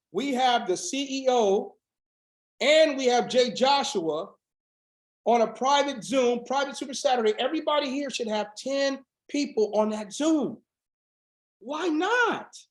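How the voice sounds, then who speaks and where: Hoarse, fiery preaching man coach. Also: very high-pitched, reverberant. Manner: fiery preaching, rising to shouts. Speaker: business coach. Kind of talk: motivational sales training on a video call.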